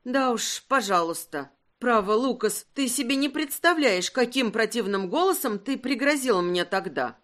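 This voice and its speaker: A woman voicing a proud, spirited young heiress for a storybook, talking earnestly and quick to argue. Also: fairly high pitch, lively intonation, a bit bright.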